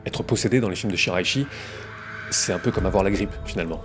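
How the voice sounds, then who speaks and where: A man's voice: low-pitched, fast talker, music in the background. Wry, conversational man narrating. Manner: wry, conversational, with playful emphasis. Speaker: video essay host. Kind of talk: casual video essay narration.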